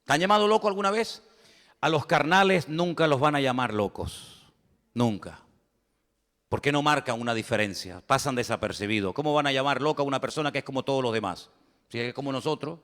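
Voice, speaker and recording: A man preaching a sermon as pastor, emphatic and full of rhetorical questions, swinging between loud and soft. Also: medium pitch, expressive, brisk, in a large hall.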